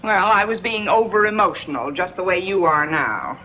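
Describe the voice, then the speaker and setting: A woman's voice: on the low side, lively intonation, moderate pace, close to an everyday voice. A woman playing a breezy teasing mother. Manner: light, teasing, reassuring. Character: breezy good-humored mother, teasing, unflappable. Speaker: mother on a trip. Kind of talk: 1950s TV sitcom acting. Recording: dull old TV soundtrack with hiss and audience noise.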